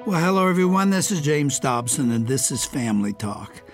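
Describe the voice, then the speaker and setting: Loud music plays behind an older American radio host as he reads a prepared letter aloud. His raspy voice is fairly high and very animated, his speech slightly strained and unclear, and he reads gravely and deliberately, emphasizing each listed item.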